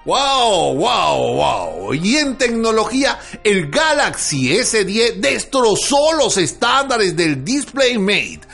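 Playful comedy host, high voice. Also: male voice, very animated, takes it slowly, few pauses, fairly bright tone. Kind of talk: comic news segment. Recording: music playing underneath.

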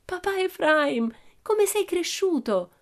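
A woman reading an audiobook and voicing a boastful, exuberant nine-year-old girl with loud, playful exclamations. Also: lowish voice, expressive, brisk. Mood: excited. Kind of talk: audiobook character voice.

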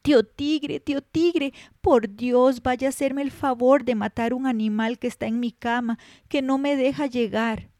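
A woman voicing a frightened old woman who pleads for help in a high, trembling voice. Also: fairly even intonation, measured pace, few pauses, darkish tone, no room sound, clean studio sound. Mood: pleading.

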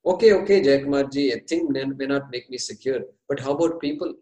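A man with an Indian accent giving an explanatory religious discourse, deliberate and repeating key phrases for emphasis. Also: medium pitch, dark tone. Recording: echoey room.

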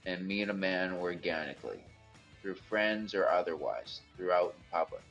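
Low, gravelly smoker's voice, male. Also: lively intonation, moderate pace, fairly bright tone, muffled recording, soft background music. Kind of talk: rambling personal monologue.

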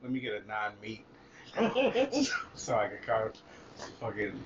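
A man's voice: on the low side, huge pitch swings, slow. A man co-hosting in casual chat, joking around in profane slang. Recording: distant lo-fi mic, faint noise.

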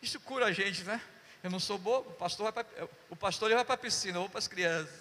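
A pastor preaching a sermon, telling stories and acting out voices while calling "Amém?" to the congregation. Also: male voice, high-pitched, fast, a little hiss or hum. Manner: animated, acts out dialogue, calls "Amém?" to the congregation. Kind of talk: sermon with storytelling. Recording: long church hall reverb.

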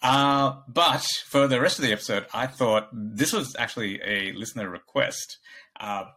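A young man from Bangladesh co-hosts a podcast, chatting casually in a sharp-toned, mid-range voice at a moderate pace. He rambles and laughs a lot as he acts out quoted dialogue.

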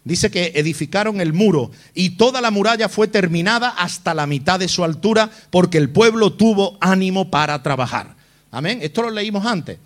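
A man's voice: high-pitched, expressive, normal speed. A male pastor preaching a sermon, hitting hard with rhetorical questions and mocking whiny voices to make his point. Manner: emphatic, fires rhetorical questions at the congregation.

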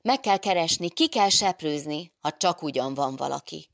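A woman voicing a loud, bold gentry nun who shouts commands. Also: low voice, expressive, gravelly, dry recording, clean studio sound. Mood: commanding.

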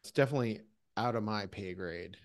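A man's voice: fairly low pitch, brisk. A man from the Cincinnati area hosting a podcast, easygoing, mostly giving short agreeing replies. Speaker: podcast host. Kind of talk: casual podcast chat.

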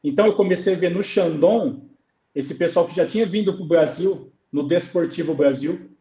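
A Brazilian man, a goalkeeper coach, recounting his experiences in a relaxed interview, acting out dialogue as he tells stories. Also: on the high side, moderate pace, roomy sound, poor audio. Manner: storytelling, acts out dialogue. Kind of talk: conversational interview on a live stream.

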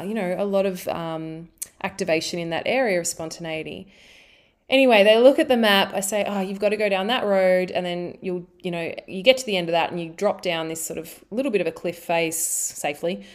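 A middle-aged woman telling a family story, casual and chatty. She rambles a little and acts out her husband and sons in quick bits of dialogue. Her pitch sits in a middle range. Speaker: human design speaker.

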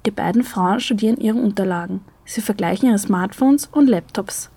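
A woman narrating an audio story in a lively, expressive way. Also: mid-range voice, normal speed, breathy edge, no echo.

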